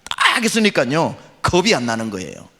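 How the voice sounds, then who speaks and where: A man's voice: a little high, huge pitch swings, normal speed, sharp tone, slightly rough, big-room sound. A male senior pastor delivering a revival sermon, telling a story dramatically and acting out the voices he quotes. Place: church revival meeting.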